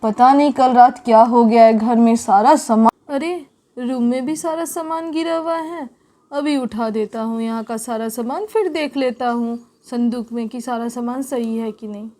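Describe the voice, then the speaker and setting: A woman's voice: a little high, steady tone, normal speed, warm tone, pitched below the performer's own voice, lightly acted. A woman voicing a puzzled, dutiful grown son in a doll story.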